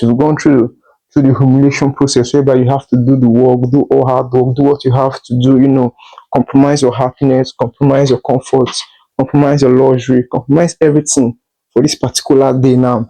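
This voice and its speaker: A man's voice: mid-range voice, darkish tone, low-quality recording. A man doing a tarot reading, speaking straight to the listener in a repetitive, reassuring way. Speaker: tarot reader.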